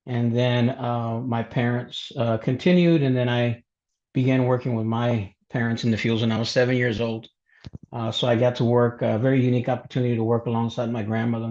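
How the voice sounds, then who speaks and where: Earnest male panelist, flat delivery, hesitant, muffled online call sound. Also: medium pitch. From Mexico, grew up in Texas. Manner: halting, many fillers and restarts. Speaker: panelist, college instructor. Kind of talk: webinar panel introduction. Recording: dull lo-fi webinar audio.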